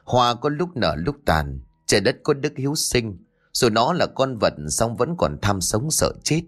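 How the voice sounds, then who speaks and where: A man voicing a kindly, thoughtful old village scholar who speaks in a low, calm murmur. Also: unhurried.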